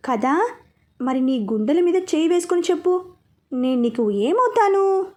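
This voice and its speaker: A woman's voice: sits high, expressive, moderate pace, a little mellow. A woman voicing a young man who is a playful, bossy husband. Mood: teasing.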